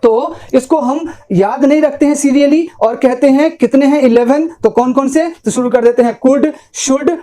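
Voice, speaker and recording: A woman's voice: high-pitched, moderate pace, few pauses, warm tone. A woman teaching English grammar in Hindi with English terms, often checking in with the class and reciting word lists like a poem. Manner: repeats points and checks in with "ठीक है?".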